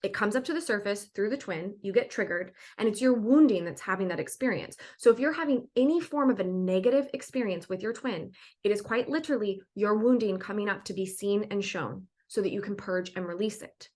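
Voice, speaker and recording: A woman's voice: mid-range voice, brisk, hardly any pauses, a little mellow. Chatty woman giving a spiritual talk. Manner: chatty, meandering, lots of "like" and "right?". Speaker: spiritual channel and guide. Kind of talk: casual spiritual teaching monologue.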